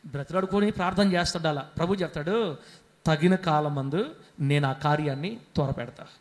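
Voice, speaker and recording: High-voiced man preaching with passion. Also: a little fast. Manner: impassioned preaching that swings between hushed and loud; calls on the congregation to respond aloud. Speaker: pastor. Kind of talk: sermon.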